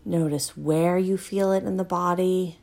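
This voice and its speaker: A woman leading a guided breath-awareness meditation in a slow, soothing, unhurried way. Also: lowish voice, steady tone, gravelly, a little mellow. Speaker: mindfulness teacher.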